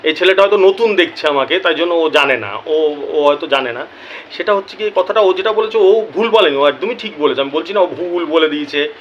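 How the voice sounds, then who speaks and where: A chatty Bengali man with a bright, forceful voice pitched a little high, talking casually to his viewers and clearing a troubled throat now and then. He keeps checking in with his listeners and sounds apologetic. A faint hiss of background noise sits under him. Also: animated, a little fast, lo-fi sound. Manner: chatty, repeats "ঠিক আছে?", apologetic. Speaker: lottery result channel host.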